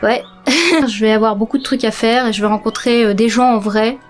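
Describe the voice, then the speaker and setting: A girl in her late teens chats to the camera from her bedroom, her voice a touch high. She talks loosely and hesitantly, stopping often to search for words. Soft music plays faintly underneath. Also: normal speed. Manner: chatty, hesitant, many fillers. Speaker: vlogger. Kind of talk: casual vlog chat.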